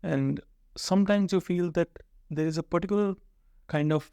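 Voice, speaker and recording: A man's voice: high-pitched, normal speed, vocal fry, dark tone, smooth, no echo. A man hosting a podcast, thoughtfully bringing up something he read and asking about it. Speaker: podcast host. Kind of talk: casual conversation.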